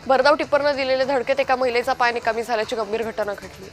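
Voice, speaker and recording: A woman reading a fast news bulletin as anchor, in a brisk, even headline delivery. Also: fairly high pitch, faint music behind. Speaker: news reader.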